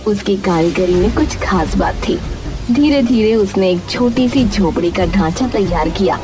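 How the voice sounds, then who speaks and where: A woman's voice: mid-range voice, lively intonation, moderate pace, over music. A woman reading scripted narration for a moral story.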